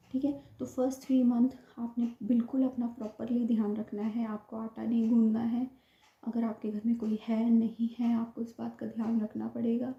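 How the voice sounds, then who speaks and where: A woman's voice: fairly high pitch, warm tone. Earnest, breathless woman giving home advice. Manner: earnest, repetitive, instructive. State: slightly short of breath. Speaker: vlogger sharing her IVF experience. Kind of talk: casual advice talk to camera. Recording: roomy, dull lo-fi home recording.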